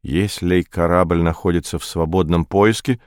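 A man voicing a bewildered, cautious ship captain who asks slow, puzzled questions. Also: low-pitched, steady tone, a little mellow, clean tone, dry recording, studio quality, close to an everyday voice.

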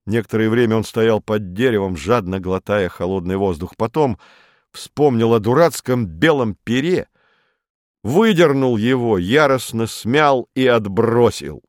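A man narrating a novel as an audiobook, slow and measured, with a lively, expressive rise and fall in his voice. The sound is dry and close to the mic, with no room around it. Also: on the low side, no echo.

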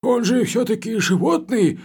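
A squeaky, gravelly fussy commandant. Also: male voice, expressive, moderate pace, darkish tone, exaggerated voice. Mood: pleading. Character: anxious fussy male commandant, devoted to the creature. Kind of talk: audiobook character voice.

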